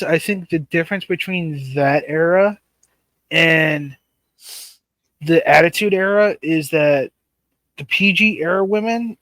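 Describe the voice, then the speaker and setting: A man's voice: a little high, fairly bright tone, no room sound. A man co-hosting a wrestling podcast in casual chat, rattling off lists of names with lots of "uh" and "um". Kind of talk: casual chat on a live stream.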